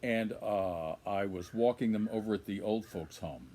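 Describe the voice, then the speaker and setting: An older man with a fairly low voice tells long, wandering stories. He hesitates often and fills his pauses with "uh" and "um" as he interviews his guest. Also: mellow. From Minnesota. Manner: rambling storyteller, many fillers. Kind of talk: casual interview.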